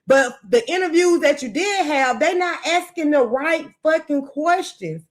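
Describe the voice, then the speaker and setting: A high-voiced woman rants on a livestream, angry and profane after a sleepless night. She curses freely and keeps breaking off to greet viewers by name. Her delivery is raw and heated. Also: expressive, a little slow. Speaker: podcast host on a livestream. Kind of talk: unscripted livestream rant.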